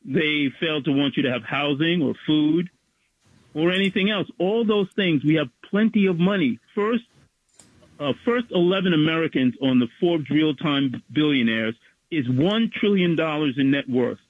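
Male caller, thin clipped phone-line sound, rambling, rather high voice, dry. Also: normal speed, no room sound. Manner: rambling and urging listeners to act. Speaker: radio call-in caller. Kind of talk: phone-in activism.

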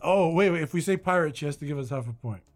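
Man, slightly high voice, lively, teasing, laughs often, casual podcast banter. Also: fast talker. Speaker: podcast co-host. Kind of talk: casual chat, game show banter.

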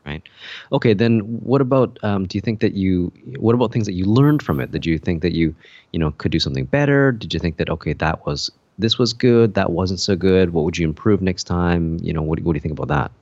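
Casting: low male podcast co-host, rambling casual talk, dry dull-sounding recording. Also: expressive, brisk, a little mellow, dry recording. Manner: rambling, many fillers and restarts. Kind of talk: casual chat.

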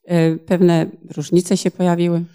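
A woman's voice: on the low side, monotone, measured pace, warm tone, clean tone. A woman interpreting a sermon phrase by phrase, in a plain manner with small hesitations.

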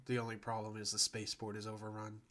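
A protective father figure and soldier, speaking softly and reassuringly, in a man's fairly low, plain voice. He sounds steady and grateful, not acted up. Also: fast. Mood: gentle. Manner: gentle, reassuring.

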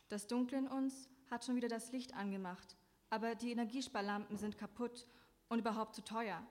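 A woman reading her own literary prose aloud at a reading, with a dry, deadpan delivery. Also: on the high side. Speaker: author reading her text. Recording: echoey hall.

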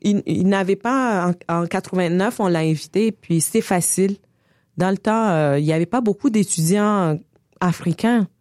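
A woman in her forties from Niger, with a Quebec French accent, telling her life story in a relaxed interview, full of hesitations and laughter. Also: medium pitch, moderate pace, no room sound, clean studio sound. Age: 40s. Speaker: guest. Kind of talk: casual conversational interview.

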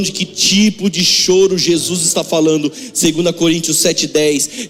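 Male pastor, fairly high voice, fervent sermon delivery that drops to a hush and rises into sung pleas, long church reverb, faint music under. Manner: impassioned, swinging from hushed to raised, half-sung pleas. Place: church hall.

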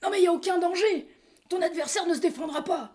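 A woman reads a blustering, cowardly French friend of the husband. The voice is very high, and the words trip over one another in stammers. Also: fast, darkish tone. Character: blustering male friend, hot-tempered but cowardly.

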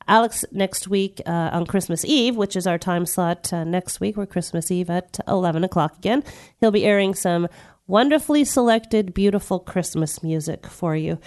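A woman with a fairly low, smooth voice hosts a radio health talk show. Still nasal from the tail end of a cold, she comes across as warm, chatty, upbeat and welcoming.

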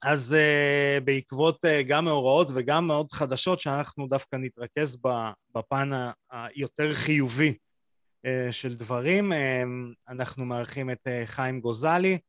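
Halting man hosting a podcast. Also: medium pitch, no room sound, studio quality. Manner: relaxed, halting, lots of filler sounds. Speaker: podcast host. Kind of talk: casual podcast chat.

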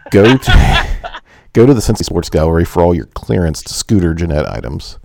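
A man's voice: low voice, sing-song, moderate pace, vocal fry, very noisy. A man hosting a casual sports podcast, joking and swearing freely. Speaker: podcast host. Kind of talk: casual chat.

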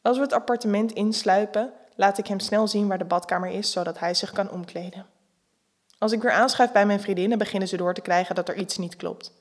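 Woman narrator, erotic audio story, calm reading, mid-pitched voice. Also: fairly quick.

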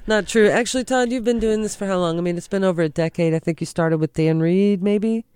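A woman's voice: medium pitch, darkish tone, smooth, dry recording. A woman hosting a radio show, chatting and teasing her guest. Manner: teasing, quick to laugh. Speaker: radio host. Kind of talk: casual radio interview. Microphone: studio microphone.

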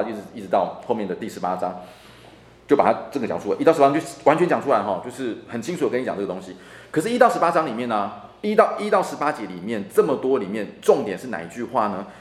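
A man serving as a deacon teaches a lively Bible class in a church classroom. His medium-pitched voice carries reverb. He talks chattily, repeating words for emphasis.

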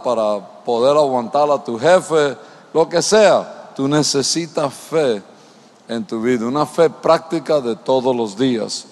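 A man's voice: medium pitch, darkish tone. A male pastor preaching a sermon, telling stories and asking the congregation rhetorical questions. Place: church. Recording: long church-hall reverb.

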